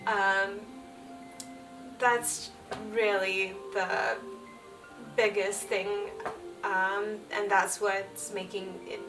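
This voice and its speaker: In a relaxed Q&A, a young illustrator vlogger, Finnish her first language, answers viewer questions very slowly, with a flat delivery and frequent pauses, laughing lightly. Her mid-range voice is set back from a distant mic, audio poor, music underneath.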